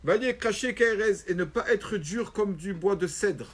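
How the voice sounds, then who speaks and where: A rabbi telling a story in a religious lesson, animated and acting out quoted voices. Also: male voice, sits high, measured pace, slightly rough.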